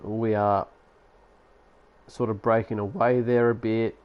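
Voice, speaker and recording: A man's voice: fairly low pitch, flat delivery, slow pace, clear, resonant tone, highs cut off. A man giving casual, sarcastic commentary while playing a basketball management game. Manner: chatty, sarcastic, grumbles at the game. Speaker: gaming YouTuber.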